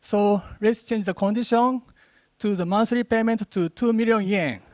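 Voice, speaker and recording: Casting: man, Japanese-accented English, high voice, dry sound, rushed lightning-talk presenter. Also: darkish tone, no echo. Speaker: conference speaker. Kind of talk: lightning talk with live app demo. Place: conference stage.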